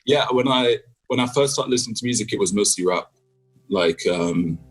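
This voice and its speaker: A man's voice: lowish voice, lively intonation, moderate pace, husky, faint music behind. A young man from the UK, a guest musician on a video call, talking in a laid-back way with lots of fillers. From United Kingdom. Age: young adult. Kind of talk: casual video-call interview.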